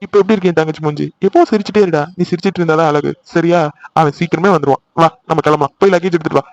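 A man voicing a caring older brother in an animated cartoon, teasing and then soothing his sister. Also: a little high, very fast, no room sound, natural voice. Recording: slightly dull lo-fi audio.

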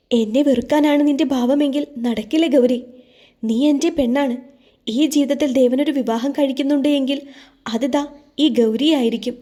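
A woman voicing a passionate young husband in an audio story, making insistent, forceful declarations. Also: fairly high pitch, lightly acted.

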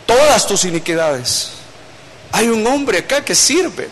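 High-voiced pastor preaching. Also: male voice, sing-song, slow pace, a bit bright, a little hiss or hum. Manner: conversational storytelling preaching, acting out quoted voices. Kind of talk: sermon.

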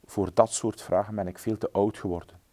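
A man voicing an old, weary male bear in a storybook reading, slow and resigned. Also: on the low side, steady tone, warm tone, close to an everyday voice.

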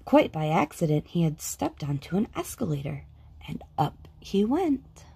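A woman reading a children's picture book aloud with a lilting, expressive storytelling manner. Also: on the low side, unhurried, vocal fry, husky. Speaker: storybook reader.

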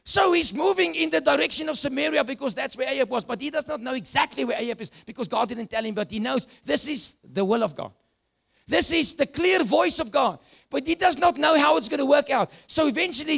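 High gravelly South African preacher. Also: male voice, lively intonation, a little fast. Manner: preaching with sudden shouts and hushed asides. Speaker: pastor. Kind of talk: sermon.

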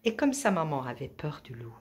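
A woman reading a children's picture book aloud at a library, playful and expressive, giving the characters their own voices. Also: low voice, a little fast, slight background noise. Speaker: library storyteller.

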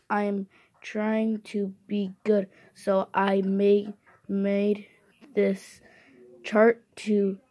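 A woman voicing a grumpy male cartoon cat who is trying to be good, read from a storybook in a halting, slow way with stumbling words. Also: mid-range voice, dark tone. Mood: sheepish.

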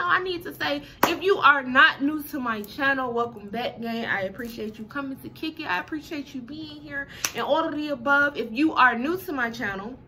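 Young female reaction host, high bright voice, chatty and slangy, casual to camera. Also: a little hiss or hum. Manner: chatty, slangy, addresses viewers as y'all.

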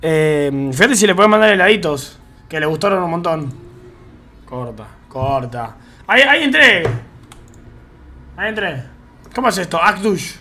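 An Argentine streamer with a Rioplatense accent chats casually and slangily with viewers while he plays, with faint game music behind him. His high voice is very animated, pushed and bright, moving at normal speed but broken by long pauses. A little hiss or hum can be heard.

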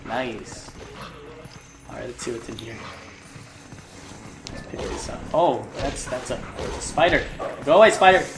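A man's voice: medium pitch, takes it slowly, vocal fry, pauses often, background noise. A young man giving casual, rambling gameplay commentary as a let's play host. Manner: chatty, rambling, easily amused. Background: game music.

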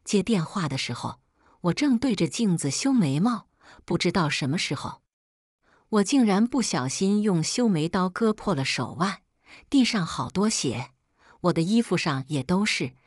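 A woman tells a first-person family story with a husky, somewhat low voice. Her reading is emotional and melodramatic, with pitch that swoops widely. The sound is dry and close. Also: expressive, moderate pace, a little mellow, no room sound.

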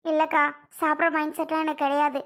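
A woman's voice: high-pitched, monotone, fast, fairly bright tone. A woman playing an anxious young mother who insistently pleads to go back to her child, in an amateur family drama skit. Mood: pleading.

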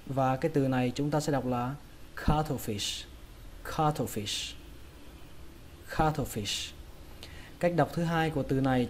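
A man teaching English pronunciation in a casual lesson, repeating each word slowly and carefully. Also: mid-range voice, darkish tone, slight background noise. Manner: slow, drawn-out repetition of words.

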